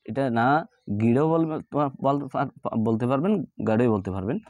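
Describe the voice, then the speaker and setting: A man teaching an Arabic grammar lesson, explaining step by step and repeating his points with frequent pauses. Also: mid-range voice, expressive, darkish tone, no room sound. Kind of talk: classroom-style grammar lesson.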